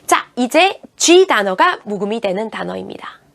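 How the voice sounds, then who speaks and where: A Korean woman teaching English pronunciation, asking learners questions and saying each English word slowly twice. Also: mid-range voice, big pitch swings, creaky. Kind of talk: online pronunciation lesson.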